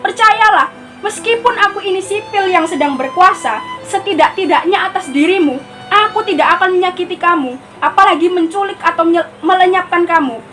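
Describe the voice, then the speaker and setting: A woman's voice: very high voice, fairly quick, a bit bright, faint music behind, rough recording. A teenage girl playing a lonely, paranoid civilian prisoner in a stage monologue, scolding and then pleading. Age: teens. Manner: scolding, swinging from pleading to threatening. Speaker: student performing a monologue. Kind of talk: theatrical monologue.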